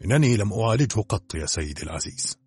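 A brusque, dismissive older country doctor, sure of himself, played by a man. His voice is deep and husky, with music faintly underneath in this audiobook drama. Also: very animated, quick pace, a little mellow. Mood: curt. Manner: brusque, self-assured.

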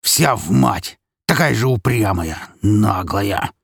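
A man voicing a brutal drunk middle-aged father in an audiobook, bellowing slow, menacing threats. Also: lowish voice, gravelly, slightly rough, no room sound, studio quality. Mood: yelling. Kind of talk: audiobook character voice.

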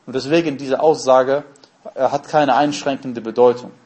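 A man's voice: mid-range voice, steady tone, normal speed, darkish tone. A man giving a religious lesson, explaining terms step by step and answering his own questions. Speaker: Islamic teacher.

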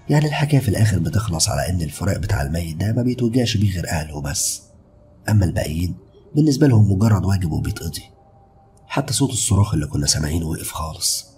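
A man with an Egyptian accent narrating a first-person horror story in a steady, brooding way. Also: deep voice, a little hiss or hum. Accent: Egyptian Arabic.

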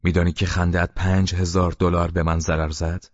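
A quick-tempered film director father bursts out in sharp, exclaiming lines, as a male narrator puts him on in an audiobook. The voice is low and deep. The recording is dry and slightly muffled. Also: slightly rough, dry recording. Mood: angry. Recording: dull, muffled sound.

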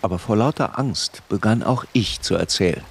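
Male narrator for radio drama, low voice, measured, noise behind. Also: gravelly. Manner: calm, measured, reflective. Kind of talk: scripted literary narration.

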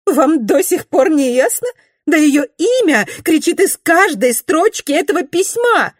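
A woman voicing an excitable young society widow who talks in a high, breathless, gushing rush. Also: measured pace, no room sound, clean studio sound. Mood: indignant.

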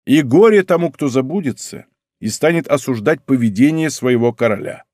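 A man voicing a gallant young king, speaking in soft, tender tones in an audiobook reading. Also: medium pitch, expressive, normal speed, dry recording, clean studio sound, lightly acted. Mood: insistent. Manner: soft, tender murmurs turning firm.

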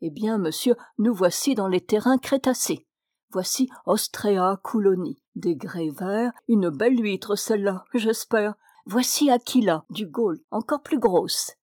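A woman's voice: medium pitch, lively intonation, a little slow, darkish tone, no echo, studio quality. A woman voicing a tiny, pedantic old hunchbacked gnome who collects fossils, fussing over Latin names.

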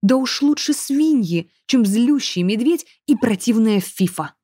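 A woman's voice: fairly high pitch, expressive, a little slow, warm tone, husky, no room sound, studio quality. A woman voicing a bold, defiant seven-year-old girl in an audiobook.

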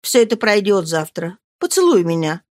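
A woman's voice: mid-range voice, very animated, normal speed, natural voice. Woman reading an insistent, caring young friend. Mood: coaxing. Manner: coaxing and teasing. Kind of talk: audiobook reading.

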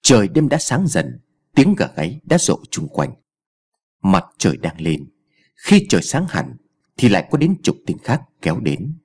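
Husky, expressive male storyteller. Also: low-pitched, measured pace. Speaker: audiobook narrator. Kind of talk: scripted story narration.

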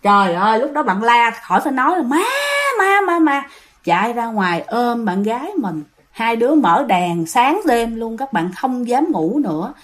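A woman narrates ghost stories in a casual, animated style, talking directly to her listeners. Her voice sits high and swings widely in pitch as she builds suspense. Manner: animated, addresses listeners as "các bạn". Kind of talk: casual spoken storytelling.

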